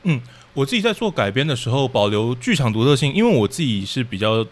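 Talking fast with big swings in pitch, a medium-voiced man with a Taiwanese accent describes his creative process step by step. As leader of an audio drama troupe, he's a guest on a podcast, chatting casually in an explanatory interview.

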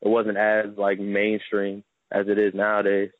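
Heard over a tinny, dry phone line with no echo, a Maryland rapper in his twenties is the guest in a casual interview. He speaks at normal speed in a lowish monotone. He describes himself in a relaxed, modest way.

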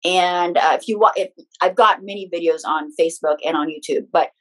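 A woman speaking as an interview guest and healing practitioner, explaining things conversationally in halting steps with restarted phrases. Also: lowish voice, poor audio.

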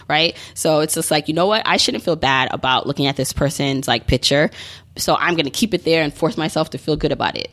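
A woman in her thirties hosting her own podcast, talking in a chatty, upbeat and encouraging way with plenty of "like" and "you know". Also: low voice. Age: 30s. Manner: chatty, upbeat, motivational, many fillers. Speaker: podcast host. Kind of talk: solo podcast monologue.

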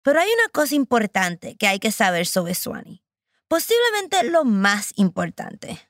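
A woman's voice: a little high, huge pitch swings, a little slow, dry recording, studio quality. A woman hosting and narrating a documentary podcast in a personal, reflective storytelling manner. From Puerto Rico.

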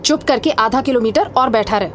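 A woman's voice: fairly high pitch, a little fast, noisy background, natural voice. A woman playing a young divorced woman in an audio drama, teasing and mock-scolding in Hinglish. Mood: bossy. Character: young divorced woman, playful and bossy with her friend. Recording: studio voice with music underneath. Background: soft background music.

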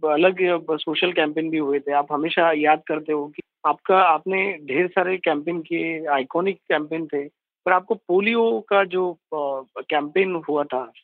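A man's voice: on the high side, measured pace, no room sound. A man interviewing a guest with deferential questions, calling him sir and humming along as he listens. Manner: deferential, says "sir" often, many hums. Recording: dry tinny phone-like sound.

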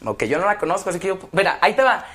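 A young man with a Mexican Spanish accent, a rapper chatting casually as a guest and telling slangy, animated stories. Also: sits high. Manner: animated, slangy, fast-riffing storyteller. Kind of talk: casual chat.

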